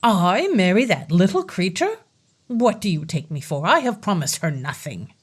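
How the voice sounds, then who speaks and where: A woman's voice: fairly low pitch, very animated, moderate pace, slightly rough. A woman reading a storybook, voicing a young lovesick king in a pleading, declamatory way. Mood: dismayed.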